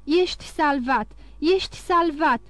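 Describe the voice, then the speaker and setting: A woman's voice: high voice, no room sound, close to an everyday voice. A woman doing a breathless, overjoyed young woman. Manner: excited, breathless exclamations.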